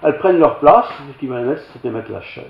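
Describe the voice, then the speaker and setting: With a Belgian French accent, an older pastor delivers a storytelling sermon in a church hall, telling a homely childhood anecdote at his own expense. His mid-range voice is gravelly, fast and lively in intonation, heard through a roomy, slightly dull church recording.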